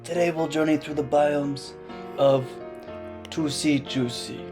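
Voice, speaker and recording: Slow mock-documentary narrator, young man. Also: on the high side, steady tone. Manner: hushed, mock-solemn wildlife narrator voice. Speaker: student narrator of a parody nature documentary. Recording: music playing underneath.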